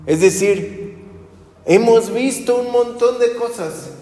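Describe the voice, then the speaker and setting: A man with a high, bright preaching voice delivers an animated sermon. He tells stories and acts out the voices of the people he quotes. The sound is roomy, with a long tail of reverb from a big hall. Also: takes it slowly. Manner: lively storytelling, acting out quoted people. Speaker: pastor.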